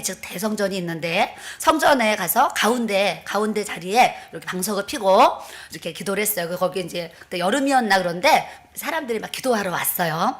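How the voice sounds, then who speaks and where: A woman giving an emotional personal testimony in church, speaking in a halting way with frequent restarts. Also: a little high, a bit bright.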